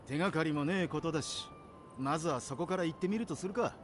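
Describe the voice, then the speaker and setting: A man voicing a rough-talking adult male adventurer in an anime game, with gruff, blunt speech. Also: on the high side, very fast, loud music behind the voice, natural voice.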